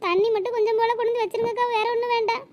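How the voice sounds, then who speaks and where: A woman voicing a grieving young mother in a cartoon, pleading and lamenting with a very high, squeaky voice. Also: steady tone, very fast, lo-fi sound. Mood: tearful lament. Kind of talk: cartoon voice acting.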